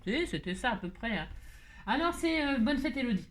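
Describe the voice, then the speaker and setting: Middle-aged lady rambling and joking through a craft video, voice on the high side. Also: sing-song, fairly quick, slight background noise. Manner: playful rambling, jokes, laughs, hums snatches of song. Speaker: crafting vlogger. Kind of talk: chatty crafting tutorial talk.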